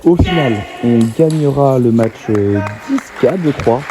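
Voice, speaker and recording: A young man talking over his own table tennis match, excitable and self-mocking. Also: medium pitch, unhurried, music in the background, crowd noise. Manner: excitable, self-mocking, laughs often, swears casually. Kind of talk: casual match commentary voice-over.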